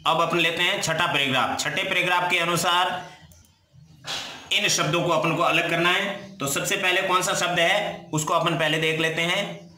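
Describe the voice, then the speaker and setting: A man's voice: a little high, fairly even intonation, moderate pace, sharp tone. A man teaching a grammar lesson word by word, asking questions and answering them himself. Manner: explains word by word, asks and answers his own questions. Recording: echoey room.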